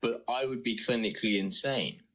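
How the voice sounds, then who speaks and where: A man's voice: medium pitch, moderate pace, over a noisy crowd, rough recording. A man in his twenties calling into a debate stream, lecturing and arguing his point. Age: 20s. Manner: lecturing, argumentative.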